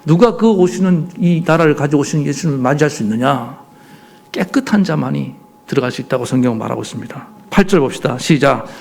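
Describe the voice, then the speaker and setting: Emphatic, lively, gravelly-voiced male preacher. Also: on the high side, fast, slight background noise. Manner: emphatic, rhetorical questions to the congregation. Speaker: pastor. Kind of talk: sermon.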